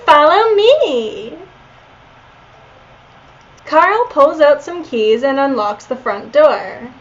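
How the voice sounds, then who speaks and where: A woman's voice: sits high, animated, slow, highs cut off. A woman reading a visual novel aloud and adding playful, teasing commentary. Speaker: game player and narrator.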